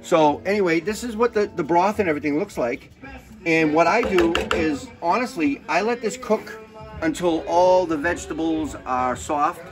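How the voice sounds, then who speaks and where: Heard over music in poor audio, a man with a slightly high voice speaks at a moderate pace. He hosts a relaxed cooking show, rambling, joking, cursing and drifting into anecdotes while he cooks.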